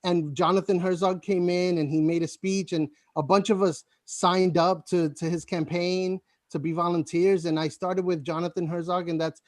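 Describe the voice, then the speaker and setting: Casting: man, high voice, volunteer thanking on a video call, stammers and restarts, dry close sound. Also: little pitch movement, no room sound. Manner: halting, stuttering, many restarts. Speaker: campaign volunteer. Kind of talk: casual video-call chat.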